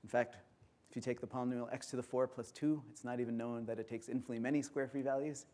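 Male conference lecturer, mellow tone, measured step-by-step delivery, auditorium. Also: medium pitch, little pitch movement.

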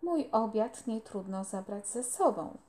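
A woman's voice: medium pitch, lively intonation, unhurried, warm tone, natural voice. A woman reading aloud, voicing a cheerful country boy who gardens, with an eager, rustic manner. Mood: easygoing.

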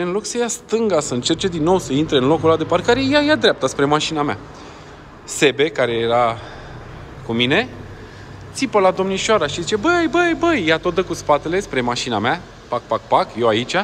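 Animated man telling a story in his car. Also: on the high side, a little hiss or hum. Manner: animated, colloquial storytelling with sound effects. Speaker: vlogger. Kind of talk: casual storytelling vlog. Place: in a car, outdoors traffic around.

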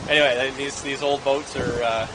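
A man's voice: medium pitch, steady tone, moderate pace, background noise. Curious man chatting on a dock. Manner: curious, asks many questions. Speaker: vlogger touring a harbor. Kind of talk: casual chat. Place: outdoor wooden dock by a harbor.

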